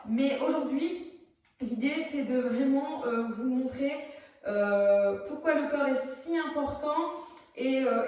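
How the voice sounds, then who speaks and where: A slightly high-voiced woman teaching a theatre warm-up, chatting with plenty of hesitant fillers as she demonstrates. Her voice is caught by a phone set away from her, so it sounds distant and very echoey, as in a big bare room. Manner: chatty, many hesitations, demonstrates while talking. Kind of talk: casual video lesson. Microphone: phone camera at a distance.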